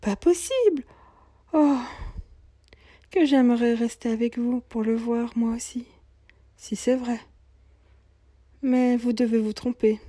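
A woman's voice: on the high side, takes it slowly, pauses often, dark tone, dry recording, studio quality, voice pushed up. A woman voicing a poor, pale young mother who speaks in a pleading, strained way. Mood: wondering.

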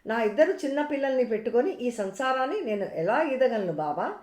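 A woman's voice: on the high side, lively intonation, fairly quick, a little mellow, lightly acted. A woman voicing a distressed young mother of two who anxiously pleads about her troubles. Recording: roomy echo.

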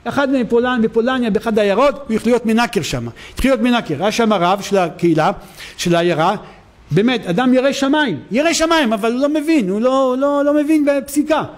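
High-voiced rabbi preaching emphatically. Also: male voice. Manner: emphatic, animated storytelling with repetition. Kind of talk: sermon. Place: synagogue.

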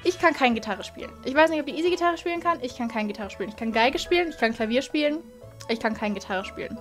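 A woman's voice: on the high side, lively intonation, fast talker, soft background music. A young woman in her twenties, a YouTuber, reading fanfiction aloud and chatting amused comments in between. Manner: chatty, amused asides between read passages.

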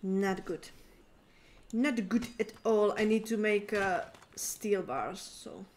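Slow, playful woman streamer chatting. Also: mid-range voice, slight background noise. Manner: playful, teasing, talks to chat. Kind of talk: casual live-stream chat while gaming.

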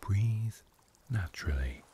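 Male meditation guide, deep-ish voice, very unhurried, gentle hushed and whispery narration. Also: lively intonation, a little hiss or hum. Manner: soft, hushed delivery, often slipping into a whisper.

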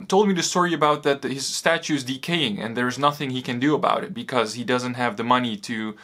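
Earnest young man, bright voice. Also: medium pitch, a little fast. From Bosnia. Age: 20s. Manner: earnest, steady, with occasional fillers. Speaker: student making a crowdfunding appeal. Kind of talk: earnest scripted-sounding appeal to camera. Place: small home room with shelves.

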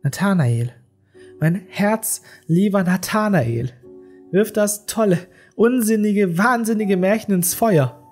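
A gentle, sorrowful young woman, put on by an audiobook narrator speaks in a voice pitched far above the reader's own. She sounds soft and earnest, and faint music plays underneath. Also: lively intonation, fairly quick, hardly any pauses, slightly rough. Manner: raised voice, soft and earnest to sobbing. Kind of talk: audiobook character reading.

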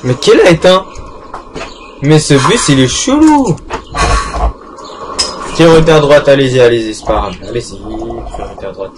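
A man's voice: medium pitch, sing-song, moderate pace, long pauses, background noise. A man giving casual, joking commentary while playing a game, talking back to in-game characters and swearing often. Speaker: gaming channel host.

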